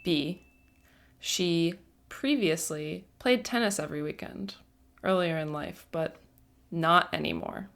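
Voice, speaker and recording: A woman teaching an English grammar lesson, speaking patiently and deliberately and stressing each word. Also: fairly low pitch, creaky, a bit bright. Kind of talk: slow, careful grammar lesson.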